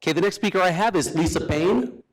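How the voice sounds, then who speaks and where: A man chairing a council meeting, calling speakers and keeping time in a polite, brisk way. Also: sits high. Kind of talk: formal meeting procedure.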